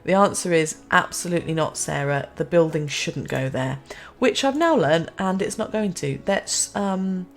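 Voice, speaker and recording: A woman's voice: fairly low pitch, lively intonation, normal speed, hardly any pauses. Chatty self-mocking woman. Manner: chatty, self-mocking, talks to herself and the game. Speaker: city-building game streamer. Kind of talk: casual gameplay commentary.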